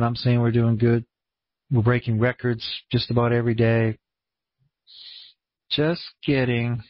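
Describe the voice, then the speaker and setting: Male conference-call host, Maine accent, husky voice, laid-back rambling delivery, dull lo-fi recording. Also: medium pitch, no echo. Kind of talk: casual, rambling online presentation. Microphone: online conference room call. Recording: dull, muffled lo-fi audio.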